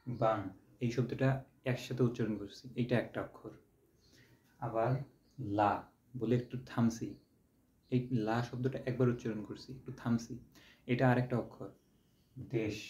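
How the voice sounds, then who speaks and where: Young male tutor, patient, mellow. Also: medium pitch. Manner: patient, repeats and stretches syllables to demonstrate. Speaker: teacher. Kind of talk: online exam-prep lecture. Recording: dull roomy home recording with faint hiss.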